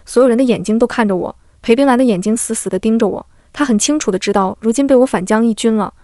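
快语速的女声有声书朗读. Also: female voice, fairly high pitch, quick pace, no echo, clean studio sound. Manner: reads all characters in one steady voice. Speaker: audiobook narrator. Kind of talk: scripted audiobook narration.

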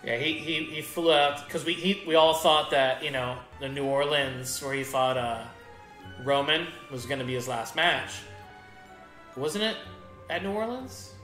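A man's voice: on the high side, measured pace, a bit bright. A man chatting casually while he plays a video game, telling rambling stories with many restarts. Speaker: gaming streamer. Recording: echoey room with faint game music.

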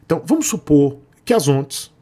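A man's voice: a little high, sing-song, moderate pace, mellow. A middle-aged man with a Brazilian accent, a vlogger explaining things bluntly and sarcastically. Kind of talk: ranting explanation.

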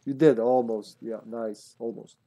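A man in his thirties chatting casually and playfully as he streams a co-op game, excitable and talkative. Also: medium pitch, unhurried. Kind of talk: casual chat while playing a co-op game.

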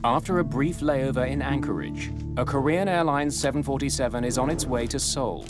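Male documentary narrator over loud music. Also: mid-range voice, a little fast. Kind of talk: dramatic scripted narration.

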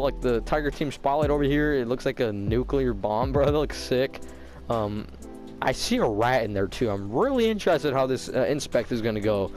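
A man's voice: medium pitch, a little mellow. A young man doing casual, slangy video game commentary, with a slight lisp from tightened braces. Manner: informal slangy bro-style talk. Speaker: gaming YouTuber.

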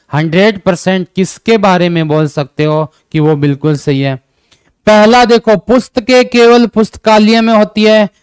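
A man's voice: sits high, clear, resonant tone, no room sound, studio quality. A man teaching an exam-prep lesson with an Indian accent, asking and answering his own questions and repeating each point in English.

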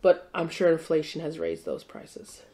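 A woman's voice: deep voice, very animated, normal speed, mellow. A woman hosting a food review show in an upbeat, chatty casual way. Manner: upbeat, chatty, talks over her co-host. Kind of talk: casual chat.

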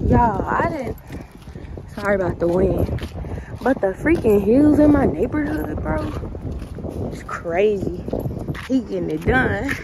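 A young woman chatting casually in a vlog, talking to her phone camera at home and on a walk. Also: fairly high pitch. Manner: casual, laid-back, lively outbursts while gaming. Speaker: vlogger. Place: at home and outdoors walking a dog. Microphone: phone camera at arm's length. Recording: phone audio with wind noise outdoors.

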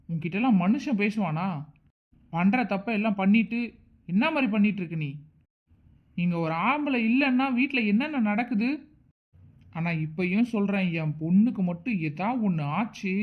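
A woman's voice: medium pitch, phone-quality sound, close to an everyday voice. A woman voicing a furious, protective cartoon father. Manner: harsh, accusing, threatening. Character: angry protective father, middle-aged man.

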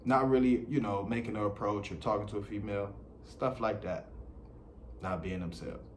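A man's voice: deep voice, noisy background. A man, giving blunt dating advice in a casual monologue full of slang and repetition. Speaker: dating commentator.

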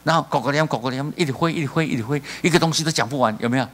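A man's voice: on the high side, very fast, fairly bright tone. A man in his sixties, a pastor with a Taiwanese accent, preaching a sermon in a church and telling stories with acted dialogue. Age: 60s. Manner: storytelling, mixing in Taiwanese phrases and acted dialogue.

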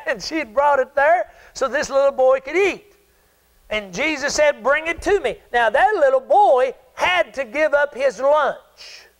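An older man preaching from the pulpit, his voice sitting unusually high for a man. He works the congregation with questions and calls for answers. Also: sing-song, takes it slowly, a bit bright, poor audio. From South Carolina. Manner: call-and-response preaching, asks the congregation questions. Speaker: pastor. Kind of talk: sermon.

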